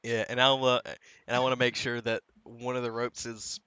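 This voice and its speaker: A man's voice: medium pitch, flat delivery, moderate pace, pushed and bright, clear, resonant tone, no room sound. A man playing a tabletop game who talks casually and swears freely. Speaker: player.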